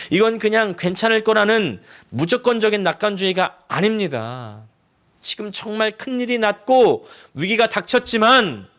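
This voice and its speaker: A male pastor preaching a sermon with passion, pushing his voice up on emotional lines and dropping low for quiet personal stories.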